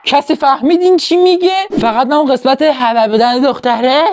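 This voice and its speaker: A man's voice: very high-pitched, over music. A man hosting a reaction video, commenting on clips in a mocking, sarcastic and playful way.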